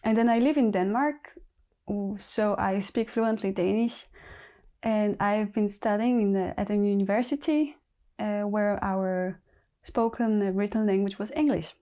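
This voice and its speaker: Pausing often and thinking out loud, a Polish woman chats casually on her knitting podcast. She's a native speaker from Poland with a Polish accent, and her mid-range voice carries a dark tone.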